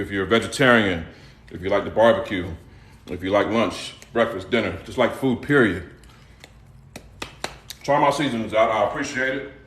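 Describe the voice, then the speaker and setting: A man's voice: on the low side, fairly bright tone. Laid-back Houston man in an echoey kitchen. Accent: Houston, Texas. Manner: laid-back, talks straight to viewers, repeats phrases. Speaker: livestream cooking host. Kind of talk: casual live-stream chat. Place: home kitchen.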